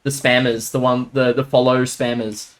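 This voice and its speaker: A man's voice: mid-range voice, flat delivery, normal speed. A man streaming a video game, talking casually as he plays. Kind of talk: casual chat while gaming.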